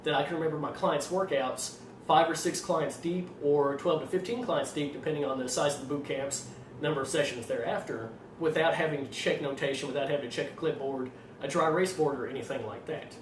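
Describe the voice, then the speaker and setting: A man with an Arkansas accent explaining things informally as a trainer, in a fairly monotone voice with a slight tendency to stutter. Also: on the high side, brisk. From Arkansas, United States. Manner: self-described monotone delivery. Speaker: fitness trainer presenting supplement advice. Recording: roomy echo, distant mic, faint noise.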